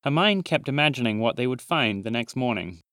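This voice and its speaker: Man calmly narrating a storybook. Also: mid-range voice, brisk, no room sound, studio quality.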